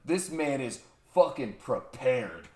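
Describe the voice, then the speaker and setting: Profane, animated young man in echoey room. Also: mid-range voice, slow pace. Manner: loose, profane, acts out characters' lines. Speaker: podcast host. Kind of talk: casual chat, animated retelling.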